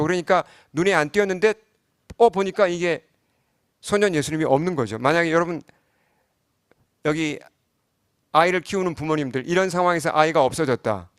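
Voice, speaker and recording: Korean pastor guy preaching, chatty, lots of questions to the room, kinda high voice, dry sound. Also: smooth, dry recording. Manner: conversational preaching with frequent rhetorical questions to the congregation. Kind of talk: sermon.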